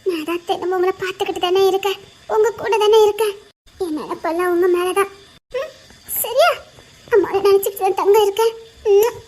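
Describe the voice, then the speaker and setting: A woman with a Tirunelveli Tamil accent playing a sad mother who gently coaxes her daughter, speaking soft and low. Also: fairly quick, long pauses. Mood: sad coaxing. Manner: soft, subdued, coaxing.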